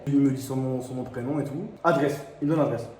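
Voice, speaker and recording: A man's voice: mid-range voice, steady tone, quick pace, darkish tone. A young man from France telling a story in slangy casual talk, laughing and acting out the scenes. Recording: echoey room, mic at a distance.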